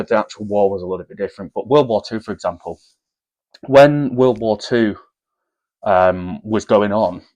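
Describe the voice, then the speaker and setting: A man's voice: lowish voice, a little mellow, low-quality recording. A man giving opinionated commentary to viewers, with frequent restarts and repeated words. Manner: hesitant, repeats words, addresses viewers as guys. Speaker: commentary vlogger.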